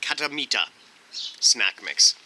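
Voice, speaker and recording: A man's voice: medium pitch, sing-song, slow pace, pushed and bright. A man hosting a casual snack review vlog outdoors, talking in a laid-back, rambling way as he thinks aloud. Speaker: food review host. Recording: windy outdoor recording. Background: wind noise.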